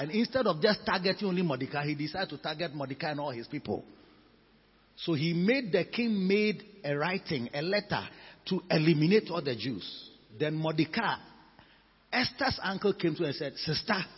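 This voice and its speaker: A man preaching a sermon, dramatic, swinging from hushed storytelling to shouts. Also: a little high, lively intonation, normal speed, breathy edge. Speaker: pastor. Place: church. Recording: echoey church hall, dull lo-fi.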